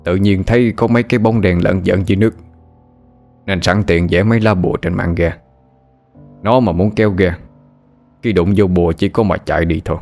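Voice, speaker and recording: A man voicing a calm, wise old grandfather who draws protective charms. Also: sits low, fairly quick, pauses often, soft background music. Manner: calm, reassuring.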